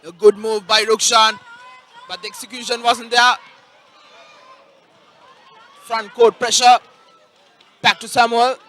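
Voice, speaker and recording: Very high, bright male basketball commentator. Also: takes it slowly, long pauses. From Sri Lanka. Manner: energetic analysis, raising voice on plays. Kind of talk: live sports commentary. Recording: crowd noise faint behind.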